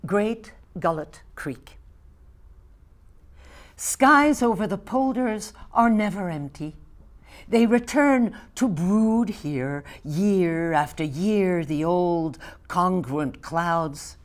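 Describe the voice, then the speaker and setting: Reading her own poetry aloud, a Belgian woman in her eighties speaks English with a Flemish accent, it being a second language for her. Her delivery is slow, soft and deliberate, at times almost a whisper, in a lowish, expressive voice.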